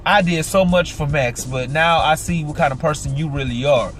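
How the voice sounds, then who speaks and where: A man vlogging a storytime, retelling a work clash with indignant outbursts and dropping low and quiet for asides. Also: normal speed, faint music behind. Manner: animated, indignant retelling with sharp pitch jumps; drops low and quiet for asides and sign-offs. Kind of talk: storytime vlog.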